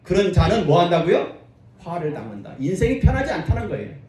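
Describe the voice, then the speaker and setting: A man's voice: sits high, quick pace, heavy reverb, recorded from a distance. A man preaching a sermon as pastor, calling on the congregation to answer back. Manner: lively preaching with call-and-response to the congregation.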